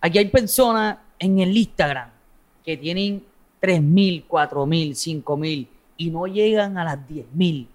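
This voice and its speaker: A man's voice: fairly high pitch, measured pace. A man with a coastal Colombian accent chatting casually in an interview, blunt, slangy and foul-mouthed. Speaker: social media content creator being interviewed.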